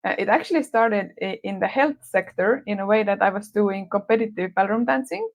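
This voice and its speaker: A woman's voice: mid-range voice, fairly quick, gravelly. Woman co-hosting a podcast. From Estonia. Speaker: podcast co-host. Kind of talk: casual podcast conversation.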